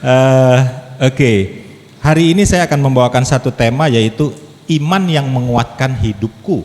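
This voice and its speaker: A man's voice: medium pitch, normal speed, a little mellow. A man in his fifties preaching as a lay speaker to a congregation, chatty and joking, drawing the audience in with questions. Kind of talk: sermon with humor. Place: church hall. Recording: echoey hall, faint background noise.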